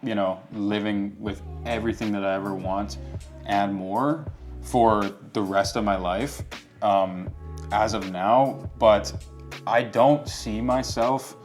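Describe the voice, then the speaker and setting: A young man in his twenties talks through a relaxed, candid chat as host, reflective and full of loose fillers. His voice sits fairly low, with faint guitar music playing in the background. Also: takes it slowly. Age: 20s. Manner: reflective, candid, many "like" and "you know" fillers. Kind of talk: casual chat.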